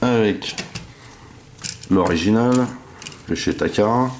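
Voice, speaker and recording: A man reviewing a toy in a casual, hesitant way, filling his sentences with pauses and filler words. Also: fairly low pitch, gravelly, noisy background.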